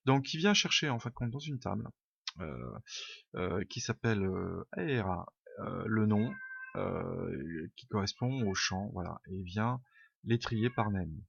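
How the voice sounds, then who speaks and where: A man's voice: fairly low pitch, animated, unhurried, vocal fry, slightly rough, no echo. Hesitant man thinking aloud. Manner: hesitant, many "euh" fillers, thinks aloud; informal, self-deprecating. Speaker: programming tutor. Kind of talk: unscripted screen-recorded coding tutorial. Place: home room. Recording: dull lo-fi home mic, dry.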